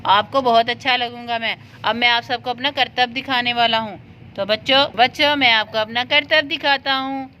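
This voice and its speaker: A woman voicing a cheerful, bragging male superhero in a doll play story, her voice dropped lower than her own. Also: fairly even intonation, pushed and bright, a little hiss or hum. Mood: boastful. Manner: bragging, sing-song. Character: cheerful boastful male superhero Spider-Man.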